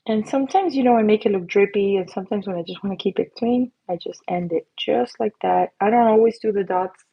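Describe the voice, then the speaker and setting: On a muffled recording, a woman with a medium-pitched, gravelly voice and a breathy edge speaks briskly. She hosts a live painting stream as a face painter, chatting with viewers in a giggly, bubbly manner as she works.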